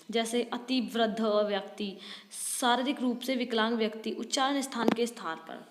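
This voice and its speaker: Woman reading study notes in an echoey room. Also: on the high side. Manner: reads notes aloud with small slips and restarts, chatty asides to students. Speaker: teacher. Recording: echoey room with long reverb.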